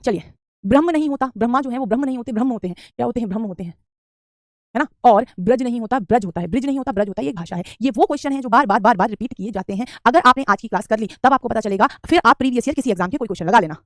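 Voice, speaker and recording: A woman's voice: a little high, lively intonation, very fast, no echo, clean studio sound. A woman teaching spelling in an online exam-prep class, answering students' questions and repeating each correct word for drill. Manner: answers student questions, says "beta" often. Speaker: Hindi teacher.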